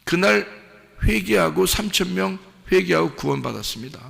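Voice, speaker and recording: Gravelly, bright-voiced male pastor preaching. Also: high voice, normal speed. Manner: animated, acts out quotes and mimics speech. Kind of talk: sermon. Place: church sanctuary. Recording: long hall reverb.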